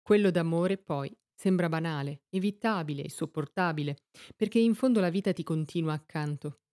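A woman narrating a story in a measured, expressive reading. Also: sits low.

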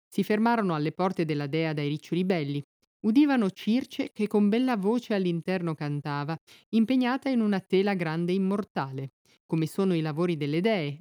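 Low, mellow woman reading epic verse. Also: dry recording, studio quality. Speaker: narrator. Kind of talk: reading epic poetry aloud.

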